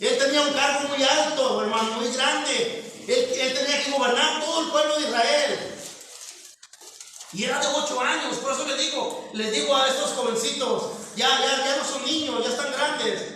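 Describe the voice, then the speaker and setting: A man's voice: extremely high pitch, steady tone, moderate pace, pushed and bright, slight background noise. A man with a Mexican Spanish accent preaching a sermon as pastor, asking the congregation questions and calling them brothers. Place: church hall. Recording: very echoey church from a distance.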